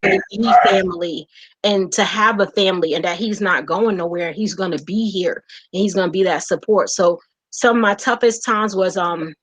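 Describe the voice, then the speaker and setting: A woman from the United States shares a personal story with candid warmth of detail, acting out what was said. Her voice sits at an ordinary pitch for a woman. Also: moderate pace, husky, rough recording. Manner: candid, acts out quotes. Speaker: guest, wife.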